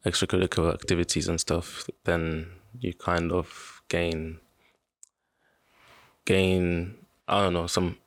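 A man in his twenties from Sudan, a guest in an interview, talking casually and hesitantly with many pauses. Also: low voice, level tone, no room sound. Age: 20s. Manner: hesitant, many "um"s, laughs often.

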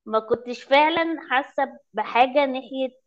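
Casting: Egyptian female, 30s, animated casual talker, rapid delivery, Arabic laced with English, slightly muffled recording. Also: sits high.

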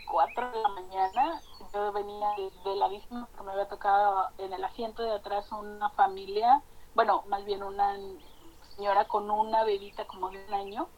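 A woman chatting casually and relaxed, telling about a trip. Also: medium pitch, normal speed, dull audio, a little hiss or hum. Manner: relaxed, chatty, many short backchannels. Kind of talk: casual chat.

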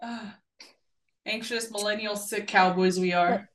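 A woman's voice: medium pitch, steady tone, unhurried. A young woman with a slightly nasal, sniffly voice from a cold, chatting informally as a podcast host. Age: young adult. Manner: chatty, informal, swears casually. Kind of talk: casual fan chat about wrestling. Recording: echoey room, distant from mic.

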